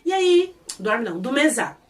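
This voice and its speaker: Animated Brazilian woman recapping an episode. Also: high voice, a little fast, recorded from a distance. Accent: Brazilian Portuguese. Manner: animated, gossipy, acts out quotes. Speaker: YouTube series reviewer.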